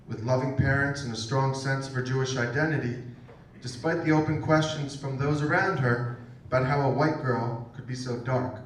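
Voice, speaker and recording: A man hosting a campus event, giving a formal introduction and announcements with measured pauses. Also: mid-range voice, slight background noise. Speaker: program host introducing an event. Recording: echoey room, far from the mic.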